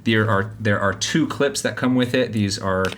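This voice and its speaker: Low-pitched man reviewing gear, noisy background. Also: moderate pace, fairly bright tone. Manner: informal, explanatory. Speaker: tech reviewer. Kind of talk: casual product review to camera. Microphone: small wireless clip-on mic on chest. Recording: clip-on wireless mic, clear background noise.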